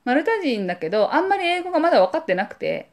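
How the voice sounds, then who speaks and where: Lively woman. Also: sits high, quick pace. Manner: animated, acts out voices and sound effects while telling a story. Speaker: podcast co-host. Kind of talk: casual storytelling chat.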